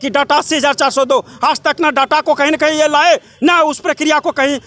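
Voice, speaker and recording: A young man with a Bihari accent giving an impassioned interview in a breathless, run-on, forceful way, piling up clauses, repetitions and rhetorical questions. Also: extremely high pitch, steady tone, a little fast. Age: young adult. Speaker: job candidate and protester being interviewed.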